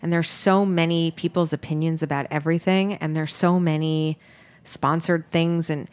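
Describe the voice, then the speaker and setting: A woman's voice: sits low, steady tone, normal speed. A woman hosting a podcast interview, talking in a rambling, hesitant way with many restarts. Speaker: podcast host, food business owner. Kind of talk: casual interview chat.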